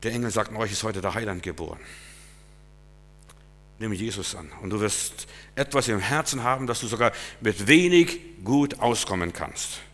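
Bright-voiced preacher in an echoing hall. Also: male voice, fairly low pitch, lively intonation, moderate pace, slight background noise. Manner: emphatic, swings between loud and quiet. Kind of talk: sermon.

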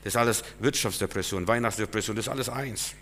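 A male preacher giving a sermon, emphatic and swinging between loud stresses and quiet asides. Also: on the low side, fast, big-room sound, a little hiss or hum.

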